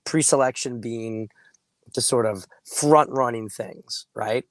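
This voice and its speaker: A man hoarse with laryngitis, sounding muffled, gives casual coaching advice in deliberate, emphatic phrases, now and then clearing his throat. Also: mid-range voice, dry recording. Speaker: dating coach and host. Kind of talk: casual straight-to-camera advice talk.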